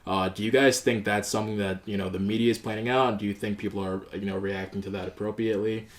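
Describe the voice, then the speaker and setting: A man's voice: on the low side, steady tone, fast talker. An American man talking casually as a co-host in a group podcast discussion.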